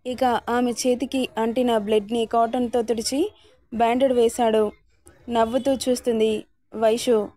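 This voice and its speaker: A woman narrating a romance story in a steady storytelling way, on a close mic. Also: on the high side.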